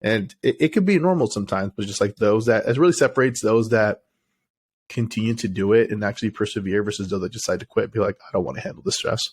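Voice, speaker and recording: Husky low-voiced man giving blunt advice. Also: fast. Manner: animated, advice-giving, acts out inner voices. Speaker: podcast co-host. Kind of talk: casual podcast chat.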